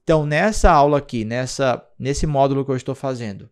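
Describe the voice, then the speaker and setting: A man's voice: mid-range voice, fairly quick, clear, resonant tone. Brazilian man explaining an app step by step. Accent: Brazilian Portuguese. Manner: patient, explanatory, checks in with "tá?" and "olha só". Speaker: English teacher. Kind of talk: screen-recorded app tutorial.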